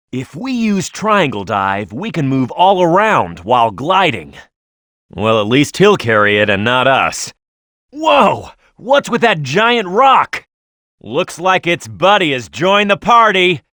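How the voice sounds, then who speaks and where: A man's voice: mid-range voice, a bit bright, no room sound, clean studio sound. A man voicing a tough, hot-headed young echidna fighter in a video game, confident and punchy. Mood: amazed. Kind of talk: scripted video game character voice acting.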